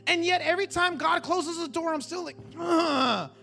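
A man in his forties, a pastor preaching a sermon in a repeating, rising cadence that climbs toward shouting. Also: extremely high pitch, normal speed, creaky, soft background music. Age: 40s. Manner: builds to near-shouting, repetitive preaching cadence.

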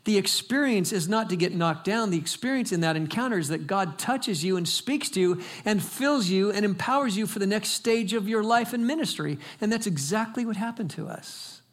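A man's voice: sits high, animated, moderate pace, hardly any pauses. An older man preaching a sermon in a church service, telling stories emphatically and dramatically, with big swings in volume and pace. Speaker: pastor.

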